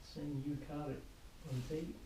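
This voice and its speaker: A man on a ghost hunt team haltingly and tentatively describing the impressions he senses. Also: a little high, level tone, background noise. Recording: very echoey, distant mic, chatter behind.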